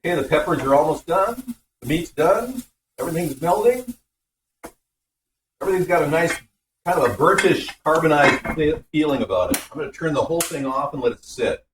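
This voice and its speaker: A man hosting a casual home cooking video in his kitchen, chatting in a relaxed, rambling way that drifts off topic. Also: fairly high pitch, fairly quick, a little hiss or hum. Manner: relaxed, filler-heavy talk. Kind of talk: casual cooking vlog chat.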